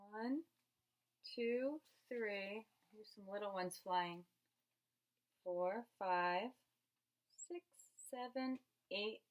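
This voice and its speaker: This clip has poor audio: a woman teacher with a medium-pitched voice reads a picture book to young children. Her reading is expressive and instructive, with stretched words for emphasis and pauses for questions.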